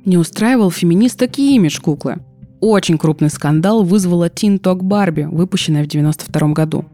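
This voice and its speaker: A woman's voice: fairly low pitch, mellow. A woman reading scripted, explanatory documentary narration. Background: background music.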